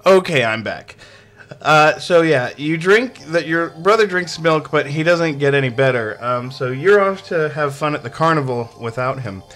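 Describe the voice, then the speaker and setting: A man's voice: on the high side, animated, moderate pace, fairly bright tone. A man giving a casual, sarcastic video game review voice-over, chatty and amused, often breaking into laughter. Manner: sarcastic, chatty with many fillers.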